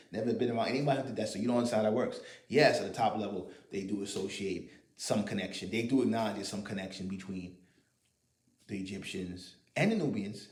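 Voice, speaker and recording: Argumentative man in an echoey room. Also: lowish voice. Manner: argumentative, rhetorical questions, profanity. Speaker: commentator. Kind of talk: casual monologue.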